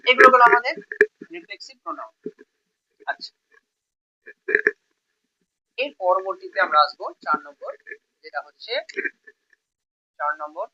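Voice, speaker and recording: Man, teacher, Bengali accent, high voice, very bright tone, repeats words, step-by-step explaining, dull lo-fi recording. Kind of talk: grammar lesson.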